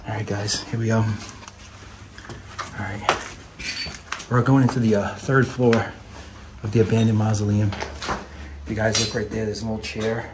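A fairly low-pitched man talks a little slowly and levelly, pausing often, as he hosts a casual exploring vlog. He films on a handheld phone inside an abandoned mausoleum at night, giving a noisy recording.

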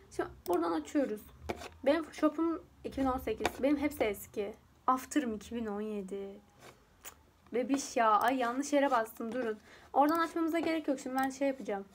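Young woman, high voice, rambling casual tutorial chat, at home, faint background hiss. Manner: rambling, chatty, laughs often. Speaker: YouTuber teaching photo editing.

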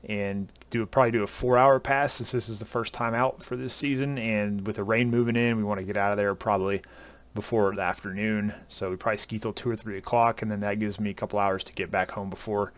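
A relaxed man in his thirties talks casually to his viewers through a headset at home. His voice sits slightly low and the talk rambles along, full of uhs and ums. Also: quick pace. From Southern US. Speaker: ski vlogger. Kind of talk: casual chat to camera. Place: home room at a desk.

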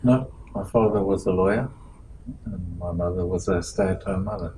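An older man from Zimbabwe, sitting in an office for an oral history interview, speaking in a measured, halting way with many pauses and restarts. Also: sits low, dark tone, slight background noise, low-quality recording. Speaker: interviewee, metallurgist. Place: small office meeting room indoors.

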